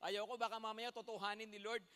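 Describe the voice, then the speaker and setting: Filipino pastor guy, high bright voice, chatty sermon w lots of "no?" asides, church reverb. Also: slight background noise. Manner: chatty storytelling with laughs and "no?" asides. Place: church sanctuary.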